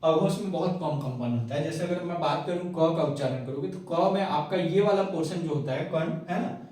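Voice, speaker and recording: A man's voice: on the high side, brisk, a little mellow. A man teaching a Hindi grammar lesson, spelling out sounds one by one and often checking whether the class has understood. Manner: repeats "clear hai?" and "hai na" often. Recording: very echoey room, voice from a distance.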